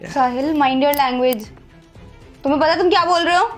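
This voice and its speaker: A woman's voice: high-pitched, unhurried, soft background music. A young woman acting a selfish, dismissive wife who left her husband, pleading with her boyfriend in a dramatic short film. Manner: dismissive, pleading, mixes English phrases. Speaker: actress playing Rubika, an unfaithful wife.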